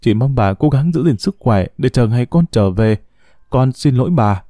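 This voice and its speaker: A man's voice: mid-range voice, animated, moderate pace, mellow, dry recording, studio quality, natural voice. Brief: man as a furious young grandson in an audio story, tense and clenched. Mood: choked remorse. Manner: tense, through gritted teeth. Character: angry, grieving young grandson.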